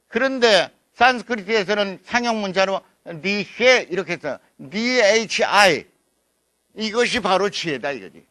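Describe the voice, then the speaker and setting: A man delivers an academic lecture in a high, sharp voice. He talks emphatically and throws rhetorical questions at the audience. The sound is dry and close, with little room echo. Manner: writes on a blackboard while lecturing. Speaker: scholar giving a lecture.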